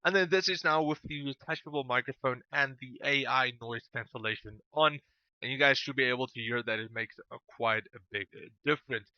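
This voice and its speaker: A man reviewing a headset in casual, relaxed talk, heard through its microphone with AI noise cancellation that leaves processing artifacts. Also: mid-range voice, fairly quick, dry recording. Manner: relaxed, explanatory, many fillers. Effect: AI noise cancellation artifacts on a headset mic. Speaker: tech reviewer. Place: home room with air conditioner running. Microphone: gaming headset microphone. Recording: dull lo-fi headset mic.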